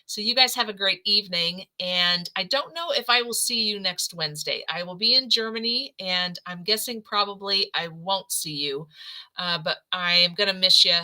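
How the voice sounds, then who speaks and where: A middle-aged woman hosts a live scrapbooking demo in a casual, chatty way. Her voice is very bright with a keen, sharp edge, and she sits at an average pitch for a woman. She talks effusively, warmly calling out her viewers by name. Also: normal speed, low-quality recording. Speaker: host of a live scrapbooking stream. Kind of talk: casual livestream craft demo.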